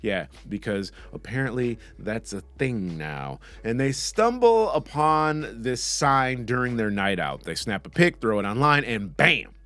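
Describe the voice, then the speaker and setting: A man's voice: medium pitch, very animated, measured pace, hardly any pauses, fairly bright tone. A man hosting a podcast, delivering sarcastic commentary with a mocking, snarky manner. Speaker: podcast host.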